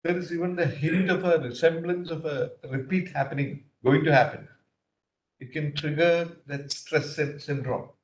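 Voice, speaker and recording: A man's voice: on the high side, normal speed. A man with an Indian English accent questions counsel from the bench, hesitant and full of fillers. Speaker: judge on the bench. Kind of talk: courtroom questioning. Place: courtroom. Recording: echoey courtroom audio.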